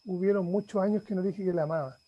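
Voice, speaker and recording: A man's voice: sits high, quick pace, muffled recording. A middle-aged man sharing about his grief in a class, hesitant and heartfelt, often restarting. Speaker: student in counseling course.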